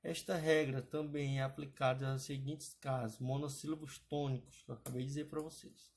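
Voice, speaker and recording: A man's voice: medium pitch, steady tone, moderate pace, creaky, a little mellow. A man teaching an exam-prep grammar lesson over slides, often checking in with his students. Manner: explanatory, adds frequent "tá, pessoal?" checks.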